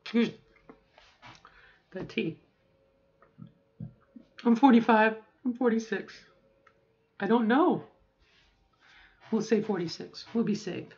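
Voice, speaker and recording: A woman in her forties chats casually to the camera, giving advice in a rambling way and correcting herself as she goes. Her voice is fairly high and a little mellow, her pace slow with long pauses, and the recording sounds muffled. She's a vlogger.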